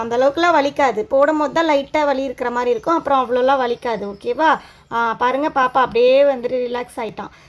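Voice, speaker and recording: Woman voicing a high, coaxing doll nurse. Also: lightly acted. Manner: soothing, coaxing, explaining step by step.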